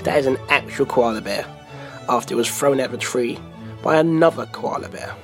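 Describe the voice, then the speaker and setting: A man's voice: medium pitch, a little fast. A man hosting a story program, joking playfully between tales. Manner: playful, wry. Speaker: host. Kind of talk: jokey show links. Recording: music behind voice.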